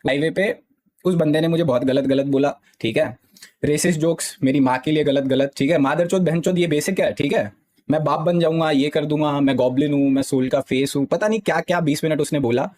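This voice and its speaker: A man's voice: a little high, a little fast, darkish tone. A young man, a gaming streamer, explaining a dispute insistently to his live-stream chat. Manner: insistent, repeats "theek hai" often.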